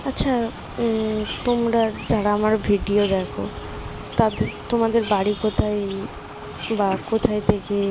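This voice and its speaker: Young mom vlogger, rambling and chatty, loud background noise, home phone recording. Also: female voice, mid-range voice, little pitch movement, moderate pace, pauses often. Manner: chatty, rambling with many fillers. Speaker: vlogger, new mother. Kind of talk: casual chat to viewers.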